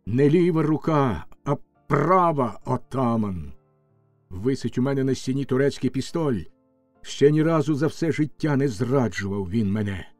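A man voicing a stern, proud Cossack warrior husband with a gruff, commanding delivery. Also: mid-range voice, a little mellow, dry recording.

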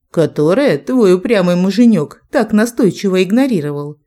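A woman's voice: medium pitch, mellow, natural voice. A woman voicing a cheerful, chatty angel who speaks in a light, teasing manner in an audiobook.

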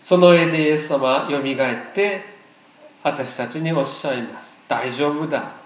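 A man's voice: fairly high pitch, moderate pace. A man preaching a sermon as pastor, earnest and emphatic, repeating phrases for weight. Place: church hall. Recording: roomy echo.

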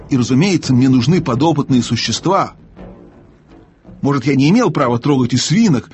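A man's voice: mid-range voice, lightly acted. A man doing pompous old sorcerer Uncle Andrew. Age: older. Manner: pompous, haughty, lecturing. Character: pompous old male sorcerer-scientist, cowardly and scheming.

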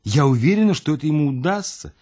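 A man voicing an anxious, devoted young woman in an audiobook, pleading and high-strung. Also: animated, fast talker, dark tone, breathy edge. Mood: insistent. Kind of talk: audiobook character voice.

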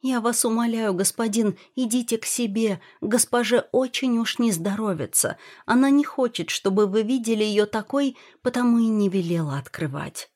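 Brief: woman reading a scared servant girl, pleading, slightly high. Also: normal speed, hardly any pauses, a little mellow, close to an everyday voice. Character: terrified young maidservant.

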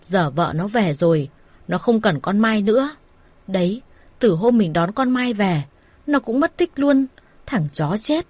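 Woman voicing an angry mother, high and loud, cursing, husky, dry close recording. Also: animated, measured pace, no room sound. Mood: furious scolding. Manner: shouting curses, scolding. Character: angry village mother, shrill and foul-mouthed.

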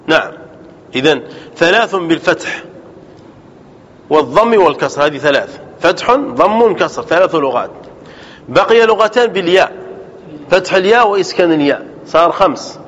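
High-voiced man teaching grammar slowly. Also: lively intonation, a bit bright. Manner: slow, deliberate, repeats points and corrects himself. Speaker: sheikh teaching Arabic grammar. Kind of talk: classroom grammar lesson. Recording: dull lo-fi recording with faint background noise.

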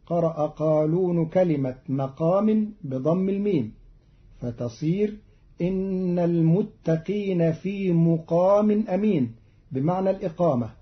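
Man explaining Quran readings, dull old radio. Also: fairly high pitch. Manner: measured, precise, quotes verses in a chanted lilt. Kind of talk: formal scripted explanation of recitation variants.

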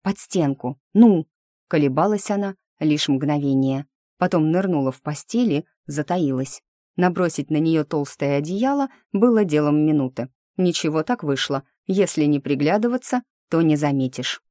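Low dry woman narrator, wry reading, very close dead sound. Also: lively intonation, moderate pace, mellow, no room sound. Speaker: audiobook narrator. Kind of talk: first-person audiobook narration.

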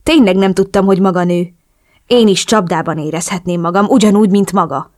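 A woman reading the lines of a cold, calculating male drug cartel boss in an audiobook, in a cool, measured, blunt manner. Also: on the low side, natural voice.

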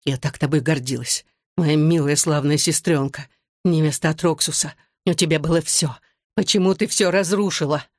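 A reader voicing the ghost of an older sister, speaking softly and hoarsely with pleading reproach, read as an audiobook. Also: medium pitch, steady tone, normal speed, dry recording, clean studio sound, close to an everyday voice. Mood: anguished. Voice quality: soft, hoarse. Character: anguished ghost of an older sister, bleeding and desperate. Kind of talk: audiobook reading.

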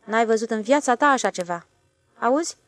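A woman voicing a calm, self-satisfied older male station master in an audiobook, drawling and knowing. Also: on the high side, dry recording, soft background music, pitched above the performer's own voice, natural voice. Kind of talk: audiobook character voice.

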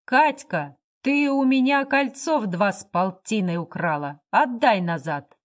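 Woman reading, doing a rude drunk guy, loud and jeering, crude insults, storybook. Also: medium pitch, lively intonation, unhurried, natural voice. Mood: shouting. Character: drunken insolent man, coarse and mocking.

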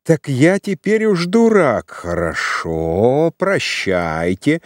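A man voicing a humiliated young gentleman who shouts in indignant fury, in a dry audiobook recording. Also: mid-range voice, sing-song, takes it slowly, dry recording, voice pushed up. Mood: furious.

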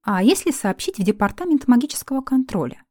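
Woman as a sharp-tongued ironic heroine. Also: on the high side, very animated, quick pace, no room sound, pitched above the performer's own voice. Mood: firm. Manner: ironic, dry, commanding.

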